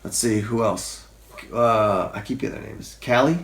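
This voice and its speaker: A man's voice: lowish voice, moderate pace, creaky, echoey room. A man hosting a casual couch commentary, joking and acting out quotes in silly voices. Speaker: host.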